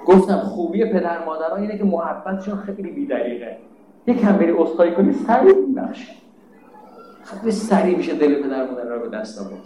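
Emphatic preacher, high-voiced man. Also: big pitch swings, warm tone, roomy sound, slight background noise, low-quality recording. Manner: emphatic, scolding, rhetorical questions. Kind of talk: religious sermon.

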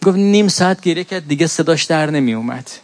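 A man's voice: on the high side, animated, dry recording. A middle-aged man preaching a mourning sermon, telling stories and rising into an impassioned, lamenting chant of recited verses.

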